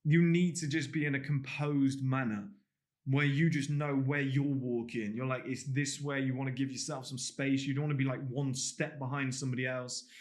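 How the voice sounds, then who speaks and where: A man's voice: medium pitch, fairly even intonation, normal speed. Blunt man teaching a course. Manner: blunt, swears freely, acts out little scenes. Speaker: body language coach. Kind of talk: casual spoken course lesson.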